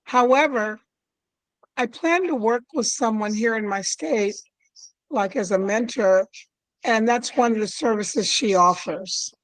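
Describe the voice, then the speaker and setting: Woman with a slightly high voice on a call. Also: a little slow, no echo, poor audio. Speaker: meetup participant. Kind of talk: casual group video call chat.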